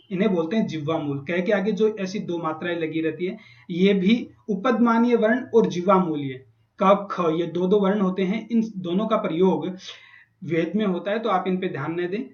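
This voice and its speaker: A man teaching Sanskrit grammar in a lecture, patiently repeating and spelling out sounds. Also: high voice. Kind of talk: classroom lecture explaining grammar. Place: college classroom. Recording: echoey dull classroom recording.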